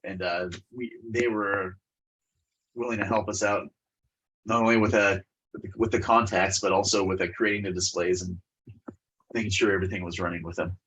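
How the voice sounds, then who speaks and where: A man's voice: sits low, steady tone, moderate pace, long pauses, fairly bright tone, highs cut off. A congested man giving a webinar presentation over a video call and answering questions, talking with many fillers and restarts.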